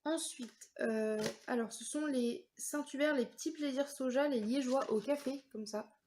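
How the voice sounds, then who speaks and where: Chatty woman from france doing a review vlog, voice a bit high, lots of ums, faint hiss behind. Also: a little slow, darkish tone. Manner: chatty, many hesitations and fillers. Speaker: vlogger. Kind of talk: casual product review vlog.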